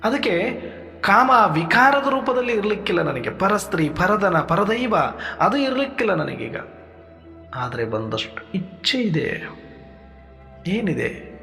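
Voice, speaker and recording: A man giving a sermon in a measured teaching manner, asking rhetorical questions and listing points for his listeners. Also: sits high, very animated, gravelly, bright, forceful tone. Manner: rhetorical questions, lists, addresses listeners as brothers. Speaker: spiritual speaker. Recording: long hall reverb with faint music.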